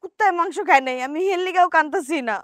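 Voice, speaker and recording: An actress playing a tearful, accusing village wife. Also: female voice, very high voice, very fast, fairly bright tone, no echo, studio quality.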